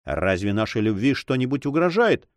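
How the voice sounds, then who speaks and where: A man's voice: medium pitch, very animated, moderate pace, darkish tone, dry recording, lightly acted. A man reading an audiobook, voicing a passionate young man who speaks fervently and pleadingly. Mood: ardent.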